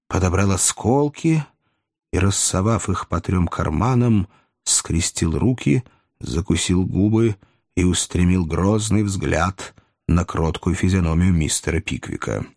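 A man narrating a classic story with a measured, dramatic delivery. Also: sits low, darkish tone, no room sound, studio quality. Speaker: reader.

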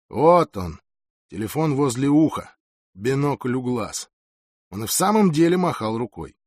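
A man reading a first-person novel aloud as an audiobook narrator, in an expressive, dramatic way. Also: fairly high pitch, no room sound, studio quality.

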